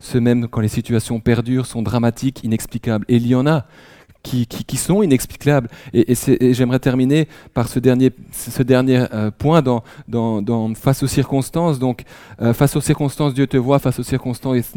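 A man raised in France preaching a sermon, telling stories in a conversational way and often dropping to a hushed near-whisper. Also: medium pitch, steady tone, normal speed, no room sound, studio quality. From France, raised in Alsace. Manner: many restarts, conversational storytelling.

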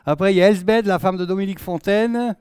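A man's voice: sits high, fast, darkish tone, smooth, dry recording, studio quality. Jovial older man, southern French accent. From southwest France. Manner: chatty, jovial, often trailing off with "hein". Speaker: guest preacher. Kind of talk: sermon introduction with anecdotes.

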